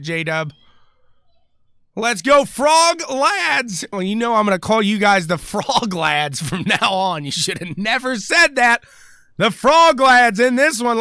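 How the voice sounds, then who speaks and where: Man, race commentator, high voice, dry close mic, chatty and excitable. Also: no echo. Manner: excitable, chatty, hollers and laughs between calls. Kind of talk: live sim-racing commentary.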